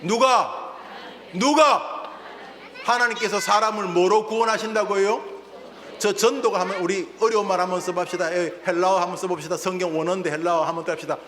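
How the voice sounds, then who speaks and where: A man's voice: high voice, steady tone, fairly quick, fairly bright tone, slight background noise. A man preaching a sermon as senior pastor, leading the congregation in call-and-response and having them repeat phrases. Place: church sanctuary. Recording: reverberant church hall.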